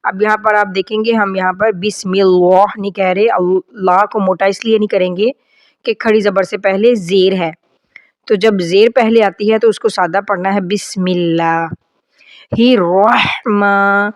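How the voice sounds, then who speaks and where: A woman teaching prayer pronunciation, reciting slowly and drawing out each word, then explaining quickly in a plain voice. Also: mid-range voice, steady tone, no echo. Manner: slow drawn-out recitation, brisk explaining. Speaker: Quran teacher. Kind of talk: pronunciation lesson.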